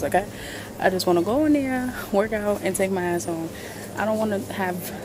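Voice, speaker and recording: A young woman with a mid-range voice vlogs against a noisy background, talking casually in a blunt, slangy way that includes some swearing. She holds her phone camera at arm's length outdoors on a city street, then inside a discount store.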